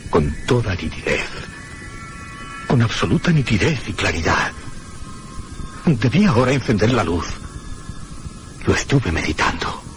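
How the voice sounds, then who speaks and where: Slight background noise sits behind a fairly low-pitched voice with big pitch swings as an actor portrays a frightened man. Through deliberate pauses in this suspenseful, theatrical radio drama narration, he recounts a night of eerie terror, sounding bewildered.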